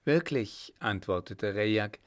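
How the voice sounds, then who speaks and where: A threatening accomplice in an audiobook story speaks curtly, pitched noticeably higher than the narration, as a man reads him. He issues warnings without raising his voice much. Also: expressive, measured pace. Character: harsh male accomplice officer, threatening.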